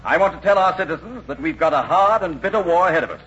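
An actor playing a pompous, self-important mayor in a 1940s radio comedy. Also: male voice, on the high side, animated, fast talker, a bit bright. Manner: pompous, speechifying. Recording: dull vintage radio broadcast.

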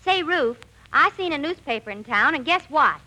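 A practical, plain-spoken frontier wife. The voice is piercingly bright and very animated, with a rustic, matter-of-fact manner from old radio comedy. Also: female voice, high-pitched, moderate pace, exaggerated voice, low-quality recording. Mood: chipper, practical. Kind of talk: 1930s-40s radio comedy acting.

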